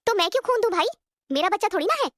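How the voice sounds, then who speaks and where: A dismissive, arrogant young woman from a rich family in an animated drama, as a woman acts her. The voice is very high and quick. It is rude and unbothered in tone. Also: no room sound, clean studio sound. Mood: callous.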